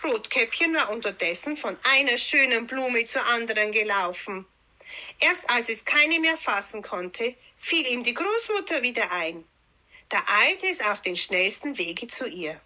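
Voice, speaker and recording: Lady reading a fairy tale aloud, calm and unhurried, a bit high. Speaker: storyteller.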